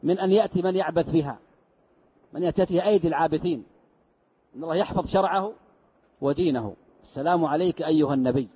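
A man's voice: a little high, quick pace, long pauses, breathy edge. A man teaching a mosque lesson, explaining step by step and answering his own rhetorical questions. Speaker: sheikh teaching Quran commentary. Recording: dull lo-fi lesson recording.

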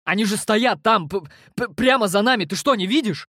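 A man doing a frantic young man, high and strained. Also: a little fast, no echo, clean studio sound. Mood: alarmed. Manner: strained, pleading shouts. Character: desperate young man fighting a being in his mind.

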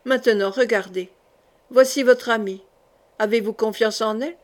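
A woman's voice: on the high side, normal speed, close to an everyday voice. A woman reading the part of a stern, commanding male sorcerer in an audiobook, speaking with grave authority.

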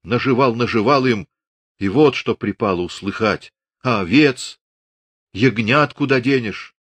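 A man's voice: deep voice, big pitch swings, drawn-out words, husky, no room sound, full character voice. A man doing a raging old Cossack patriarch. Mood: grumbling lament. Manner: shouting, cursing.

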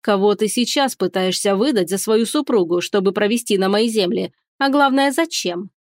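A woman voicing a proud, scornful harpy queen in an audiobook, drawn-out and hissing. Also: medium pitch, no echo, lightly acted. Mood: suspicious. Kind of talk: audiobook character reading.

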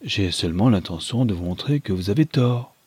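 A man's voice: on the low side, animated, brisk, darkish tone, husky, dry recording. A man playing a haughty, stiff army captain. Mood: cold, superior. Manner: cold and condescending.

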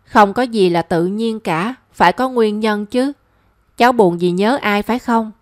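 A woman's voice: medium pitch, a little slow, no room sound, studio quality, close to an everyday voice. A woman voicing a kindly old grandmother who teases her granddaughter. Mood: teasing.

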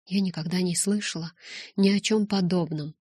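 A woman reading a first-person audiobook in a measured way, breaking into urgent shouts in her own dialogue. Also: fairly low pitch, fairly even intonation, husky, dry recording, studio quality. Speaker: audiobook narrator.

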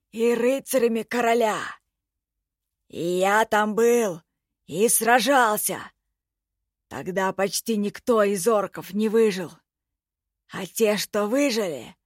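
A sly veteran elf warrior from a fantasy storybook, as a woman puts him on. He talks slowly and deliberately, in a voice raised a little above her own. The recording is close and dry. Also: on the high side, no room sound.

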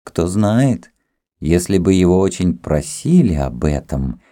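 A man voicing a passionate, brooding young crown prince who speaks low and intimately in an audiobook. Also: sing-song, measured pace, mellow, dry recording, clean studio sound.

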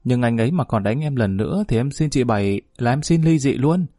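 A man voicing a sharp-tongued young village wife who scolds and complains quickly. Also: mid-range voice, lively intonation, no echo, studio quality, natural voice. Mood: scolding.

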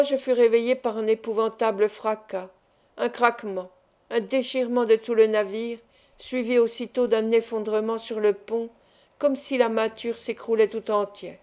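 A woman reading a classic novel aloud as first-person narration, in a steady storytelling manner. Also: on the high side. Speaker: audiobook reader.

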